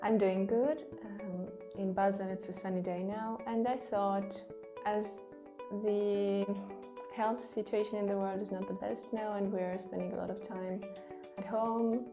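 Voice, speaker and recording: A woman who speaks natively, talking gently and thoughtfully with frequent pauses in a casual vlog from her home studio. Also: medium pitch, flat delivery, music in the background. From Estonia. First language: Estonian. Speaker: children's book illustrator.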